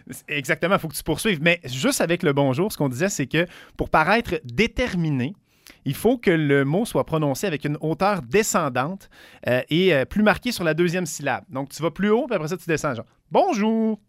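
A man's voice: fairly high pitch, animated, brisk, no echo, studio quality. A man with a Quebec French accent co-hosting a radio show, explaining things eagerly and acting out intonations between laughs. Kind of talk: casual radio chat.

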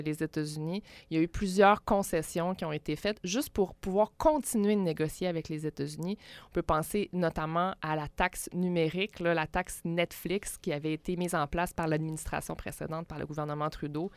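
Woman, political commentator, lowish smooth voice, dry sound. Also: no echo. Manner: measured, explanatory, frequent hesitations. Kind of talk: radio political discussion.

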